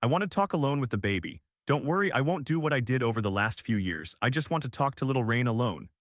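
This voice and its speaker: A man's voice: medium pitch, animated, quick pace, no room sound, clean studio sound, lightly acted. A man voicing a remorseful young husband and father in a dubbed drama, earnest and tender. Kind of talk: dubbed short-drama dialogue.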